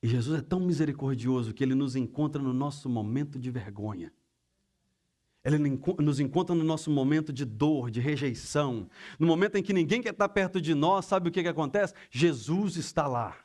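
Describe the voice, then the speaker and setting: A middle-aged man preaching a sermon as pastor, conversational, acting out everyday dialogues in quick asides. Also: on the high side, expressive, darkish tone.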